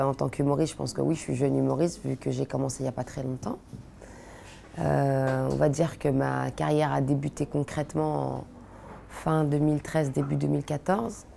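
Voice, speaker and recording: A woman in her thirties, born in Belgium, answering interview questions in a relaxed, chatty way with many fillers and restarts. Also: sits low, creaky, a little hiss or hum. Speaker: interviewee, comedian.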